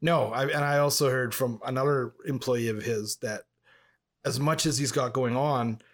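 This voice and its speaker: Chatting at a moderate pace in a mid-range, fairly even voice, a podcast co-host from Montreal, Canada, wanders through story after story. He's a talkative, rambling storyteller on a laid-back show.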